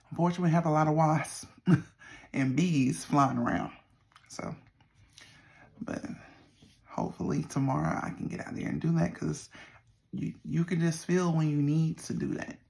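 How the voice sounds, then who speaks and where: Creaky Southern US voice, casual and rambling. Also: mid-range voice, a little mellow. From Southern United States. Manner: informal, folksy, meandering. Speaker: vlogger. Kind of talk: casual rambling check-in to viewers.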